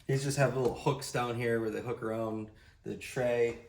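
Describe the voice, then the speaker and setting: Gravelly man talking through a car repair. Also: steady tone, moderate pace, background noise. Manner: low-key, plain explaining while working. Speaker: DIY car repair presenter. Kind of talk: casual how-to walkthrough. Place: working on a car engine bay.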